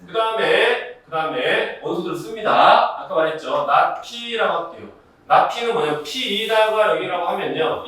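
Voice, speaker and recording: A man with a high, bright voice teaches math in a classroom, firing questions at his students and calling out to them again and again. He is recorded from a distance in a very echoey room, with faint noise in the background. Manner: quizzing, repeatedly addressing students. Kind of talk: classroom lecture.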